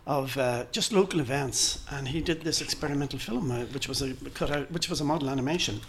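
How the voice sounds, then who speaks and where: A man's voice: mid-range voice, fast. An Irish-accented man explaining in a conversational, discursive way, circling back and repeating words as he goes. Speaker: interview guest, film historian. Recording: clear background noise, ambient sound.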